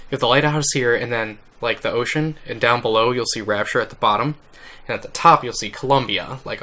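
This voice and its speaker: Excitable dude cohosting a gaming podcast, bright tense voice, cussing and goofing around. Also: male voice, medium pitch. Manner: excitable, swears casually, jokey impressions. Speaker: podcast co-host. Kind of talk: casual gaming news chat.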